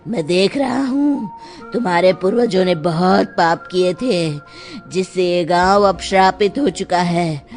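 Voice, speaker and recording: Grave village holy man, female performer: unhurried, solemn, foreboding, horror storybook. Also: lowish voice, darkish tone, soft background music. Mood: ominous. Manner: solemn, portentous pronouncements. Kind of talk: comic horror audio storybook acting.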